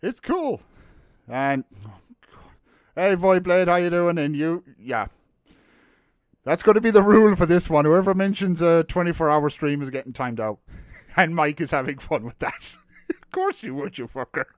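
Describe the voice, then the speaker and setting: Rambling man, smooth dry voice. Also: a little high, lively intonation, moderate pace, pauses often, no room sound. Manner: rambling, swears casually, greets chat by name. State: out of breath. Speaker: streamer. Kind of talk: casual live stream chat.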